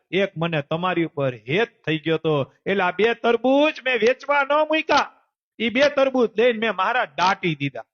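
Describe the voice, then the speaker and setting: A man telling a devotional story as a sermon, acting out the characters as he goes. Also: no echo. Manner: animated, voices the characters in the story with quick pitch jumps. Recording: dull lo-fi recording.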